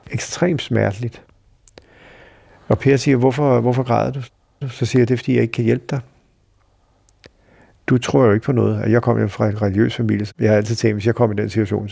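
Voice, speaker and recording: A middle-aged Danish man telling a personal story in a halting, reflective way, with many fillers. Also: medium pitch, vocal fry, warm tone, no room sound, studio quality. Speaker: interviewee recalling a friend.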